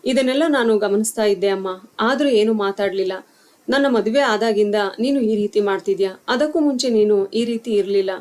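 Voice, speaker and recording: A woman voicing a calm young husband and son who gently reasons with his mother in a storybook tale. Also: medium pitch, fairly quick, close to an everyday voice. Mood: firm.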